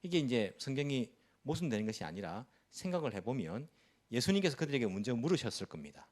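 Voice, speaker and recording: A man's voice: sing-song, fast. A male pastor delivering a church sermon, pressing his point with repeated rhetorical questions. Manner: pitch rises and drops sharply for emphasis. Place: church service.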